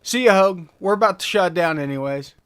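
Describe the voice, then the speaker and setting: A man's voice: sits high, brisk, fairly bright tone, clean tone. A man hosting a live stream, casually reading out viewer questions and thinking aloud through his answers with frequent fillers. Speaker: livestream host answering chat questions on engine tuning. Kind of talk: casual livestream chat.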